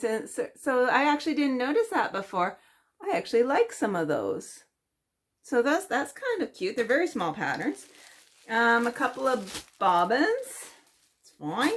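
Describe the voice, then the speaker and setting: A woman's voice: mid-range voice, fairly bright tone. A middle-aged Canadian woman chatting casually in a stitching vlog, meandering with many fillers and restarts. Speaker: cross-stitch vlogger. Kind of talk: casual rambling chat.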